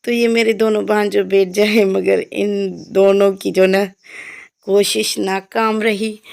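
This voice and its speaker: A woman's voice: medium pitch, creaky. A young woman narrating her vlog in a casual, chatty, meandering voice-over full of fillers. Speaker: vlogger.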